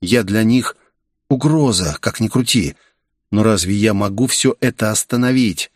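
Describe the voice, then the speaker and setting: Man, audiobook narrator, first-person story, measured delivery, dry close recording. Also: lowish voice, dry recording.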